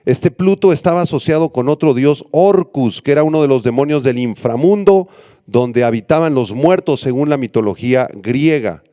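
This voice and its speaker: Pastor guy preaching, warm smooth voice, kinda teacherly, spells out words for notes. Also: mid-range voice, animated, normal speed, dry recording. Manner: teaching, spelling out Greek and Hebrew words for note-takers. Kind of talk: sermon.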